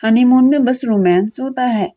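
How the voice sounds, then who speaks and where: A woman's voice: on the high side, dark tone, voice pushed up, close to an everyday voice. A woman voicing a playful, teasing young husband in a romantic audiobook novel, speaking affectionately.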